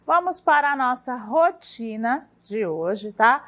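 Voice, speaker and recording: Slow, patient Brazilian schoolteacher woman. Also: fairly high pitch, lively intonation, sharp tone. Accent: Brazilian Portuguese. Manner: slow, patient, drawn-out words for children; ends phrases with a questioning "tá?". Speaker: primary school teacher. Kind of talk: recorded classroom lesson for children.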